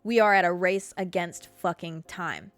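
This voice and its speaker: A woman's voice: lowish voice, unhurried, dry recording, soft background music. A woman in her mid-twenties hosting a podcast, giving listeners a blunt, profanity-laced motivational pep talk and calling them babe and girl. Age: 20s. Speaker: podcast host. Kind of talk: casual motivational monologue.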